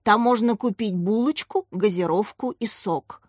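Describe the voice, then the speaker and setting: A woman's voice: medium pitch, unhurried, no echo, studio quality, close to an everyday voice. A woman voicing a bold, chatty schoolboy who talks in a self-assured way. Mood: bragging. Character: bold chatty boy pupil Dima.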